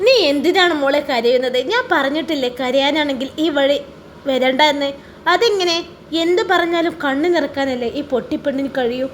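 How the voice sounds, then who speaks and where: A woman voicing a loving young husband who speaks softly and gently scolds his wife in a storybook reading. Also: high-pitched, moderate pace, slight background noise, natural voice. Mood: tender. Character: grieving young adult man, tender loving husband.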